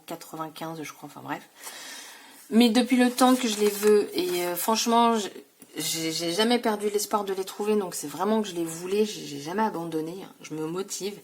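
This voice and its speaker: A woman talks casually through a scrapbooking haul at a middle pitch. She rambles, fills pauses and corrects herself as she goes, with a faint noise floor under the recording. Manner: chatty, many fillers and self-corrections. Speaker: scrapbooking vlogger.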